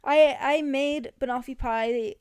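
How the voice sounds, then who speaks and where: A woman's voice: high-pitched, fairly even intonation, takes it slowly, darkish tone, smooth. A woman co-hosting a podcast, chatting casually in an easygoing way. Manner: giggly, easygoing. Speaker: podcast co-host. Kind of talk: casual chat.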